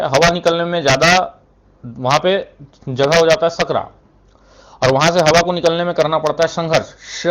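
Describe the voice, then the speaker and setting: A male Hindi teacher with a fairly high, fairly bright voice explains his classroom lesson step by step. He asks and answers his own questions, drops frequent "thik hai" fillers between phrases and clears his throat at times.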